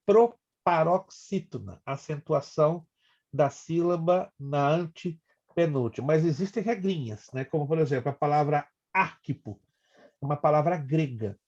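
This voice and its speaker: A man's voice: on the high side, moderate pace, darkish tone, lo-fi sound. A man with a Brazilian Portuguese accent, a pastor teaching an online Bible class in a chatty, teasing way and explaining step by step over a video call.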